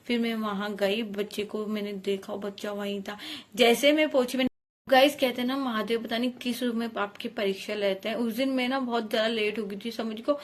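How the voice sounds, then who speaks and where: Woman, vlogger, earnest, chatty, slightly high voice. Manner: earnest, chatty, addresses viewers as guys. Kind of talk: casual storytelling to camera.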